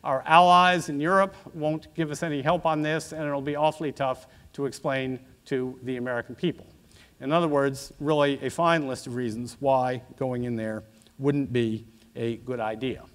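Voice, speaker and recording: A man in his sixties giving an academic lecture in a measured, discursive professorial manner with asides. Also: medium pitch, fairly even intonation, a bit bright. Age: 60s. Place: auditorium stage at a lectern, indoors.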